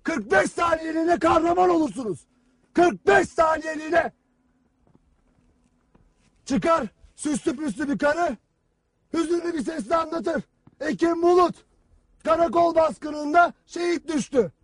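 A harsh shouting army commander. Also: male voice, very high-pitched, measured pace, pauses often. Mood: bitter. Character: stern male army commander berating his soldiers. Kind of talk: film drama acting.

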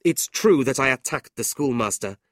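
In a storybook reading, a man voices a proud, honest young man who speaks earnestly and flares with indignation. His mid-range voice is expressive at normal speed, pitched above his own but still natural. The studio-quality recording has no room sound, and the mood is indignant.

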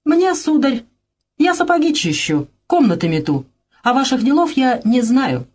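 A woman's voice: high voice, big pitch swings, normal speed, a little mellow, pitched above the performer's own voice. A woman voicing a stolid, sly male house servant in a dramatized reading of a play, who talks bluntly and stubbornly plays dumb. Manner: blunt, stubborn, feigning ignorance.

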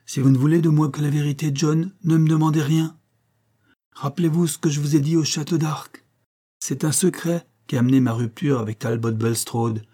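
A man's voice: a little high, mellow, voice pushed up, natural voice. A man reading aloud, voicing a proud troubled young wife who answers her husband tersely and coldly. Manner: terse, guarded replies.

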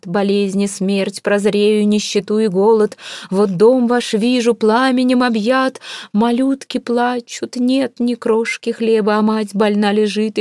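A woman's voice: medium pitch, darkish tone, no room sound, studio quality, pitched above the performer's own voice, close to an everyday voice. A woman playing a melodramatic fake fortune teller. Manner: wailing, slow prophetic chanting. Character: theatrical female fake fortune teller, ex-actress.

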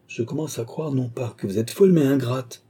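A man voicing a fawning old male courtier who talks in a simpering, flattering way. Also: medium pitch, a little fast, slightly rough, voice pushed up.

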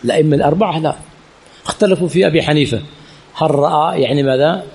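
A man with a fairly high, darkish, breathy-edged voice races through a hadith chain studies lesson as a sheikh. It is a classroom session with Q&A in a religious teaching center, and he keeps posing rhetorical questions to students and repeating key words.

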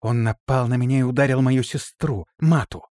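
A man's voice: medium pitch, steady tone, normal speed, darkish tone, no room sound, studio quality, natural voice. An actor voicing a flustered, bossy female gnome ruler in a storybook reading. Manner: hasty, commanding.

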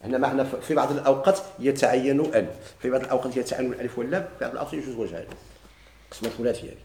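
Fast-talking Moroccan teacher in echoey room. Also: male voice, mid-range voice, fairly even intonation, a little mellow, a little hiss or hum. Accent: Moroccan Arabic. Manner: asks the class questions and answers them himself. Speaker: grammar teacher. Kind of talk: classroom lesson.

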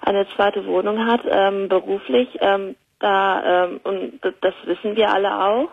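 A woman in her thirties from Germany speaks as a hesitant call-in guest. Her voice is husky with noticeable creak, carried over a narrow, tinny telephone line. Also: mid-range voice, fairly even intonation, unhurried. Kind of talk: hesitant personal account on a call-in show.

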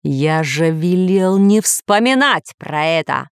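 A woman's voice: low-pitched, normal speed, no room sound, clean studio sound, lightly acted. A woman voicing a pompous, angry male villain lord in a children's audiobook, growling and snapping. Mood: furious. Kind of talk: audiobook character voice.

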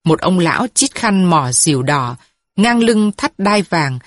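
Brief: woman storyteller, low voice, very slow, even scripted reading. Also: no room sound, clean studio sound.

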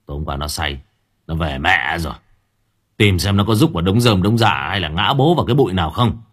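A man voicing a frightened young village man who stammers and speaks with agitation, in a husky voice. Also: low-pitched, expressive, brisk, a bit bright, exaggerated voice. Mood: gruff.

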